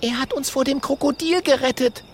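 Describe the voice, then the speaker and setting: Man as a high-voiced worried young girl creature. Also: brisk, a little hiss or hum.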